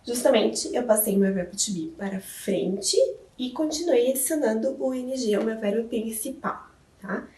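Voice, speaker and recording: A woman with a Brazilian Portuguese accent walks through English grammar rules in a patient classroom manner, often checking in with her listeners. Her voice sits a little high with a mellow tone. She is recorded from some distance in an echoey room. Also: moderate pace. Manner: patient, checks in with tag questions. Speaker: English teacher. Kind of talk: classroom explanation.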